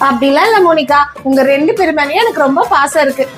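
A woman's voice: sits high, fast talker, faint music behind. A woman playing a mother in a scripted family comedy skit, soothing her little son and scolding her daughter.

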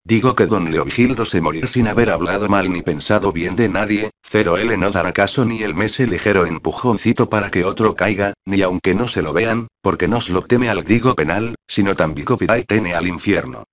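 An audiobook reader voicing a cynical, sharp-tongued man who speaks in a thin, cutting tone. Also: low voice, brisk, few pauses, natural voice. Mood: caustic. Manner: caustic, sardonic. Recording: dull lo-fi audio.

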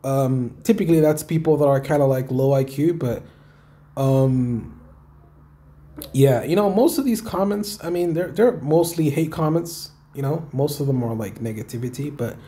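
Guy kinda rambling about his comments, mellow relaxed voice, repeats himself, swears a bit. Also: mid-range voice, moderate pace. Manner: rambling, repetitive, often swearing. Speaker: video creator. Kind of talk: casual talk, reading and answering comments.

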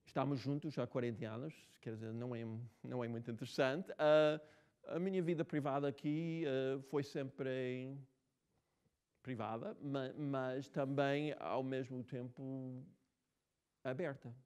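In an easygoing interview, a US-born writer in his sixties tells stories in Portuguese, his second language, carrying an American English accent and often restarting or using fillers. He speaks unhurriedly at medium pitch, with fairly even intonation and a clean, slightly mellow tone.

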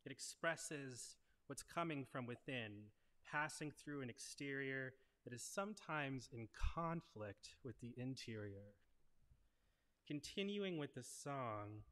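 A young preacher gives an earnest, conversational sermon full of rhetorical questions at a lectern in a wood-paneled church sanctuary, wearing a headset mic. His medium-pitched voice sounds pushed and bright. The church adds long reverb.

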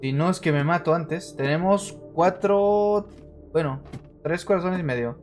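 A man streaming a horror game, chatting to his viewers and getting jumpy and excitable, yelling when scared. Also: fairly high pitch, unhurried, soft background music. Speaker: gaming streamer. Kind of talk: let's-play commentary.

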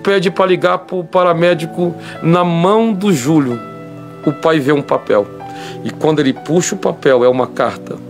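A man preaches through a dramatic story and comes back again and again to a grim refrain. His voice sits a little high. A soft instrument plays faintly behind him. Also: normal speed, faint music behind. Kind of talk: sermon storytelling.

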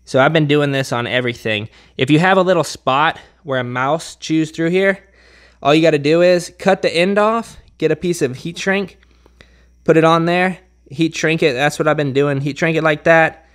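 A man's voice: fairly high pitch, moderate pace, a bit bright. A man hosting a hands-on repair tutorial in a workshop, talking casually while he works. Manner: casual, talks while working with his hands. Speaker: channel host.

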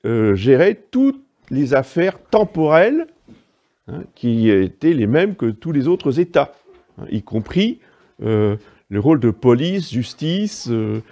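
A man's voice: medium pitch, dark tone, muffled recording. A priest preaching a sermon in a didactic way, stressing points with frequent asides to his listeners. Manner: didactic, emphatic asides, frequent "hein" and "vous voyez".

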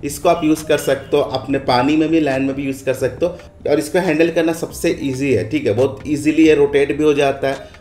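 This gaming host has an Indian accent and a darkish, medium-pitched voice, with roomy echo on the recording. Conversational in tone, he talks through a game update over screen capture and leans heavily on tag phrases to check in with viewers.

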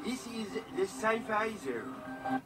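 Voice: mid-range voice, very animated, slow pace. A game actor voicing an aloof robotic alien that greets players, formal and condescending, through a robotic voice filter. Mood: haughty. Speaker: game character. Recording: distant game audio with loud music.

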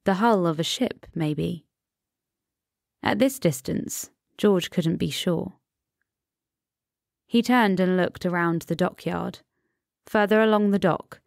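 A woman narrating an audiobook in a measured, atmospheric reading on a close mic. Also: low voice, creaky, a little mellow, dry recording. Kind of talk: scripted narration.

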